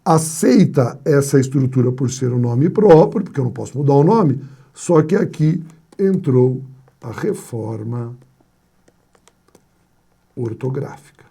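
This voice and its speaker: A man's voice: medium pitch, animated, measured pace, vocal fry, long pauses, dark tone, husky. A man teaching a grammar lesson, asking and answering his own questions and telling playful anecdotes. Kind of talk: classroom lecture on spelling rules.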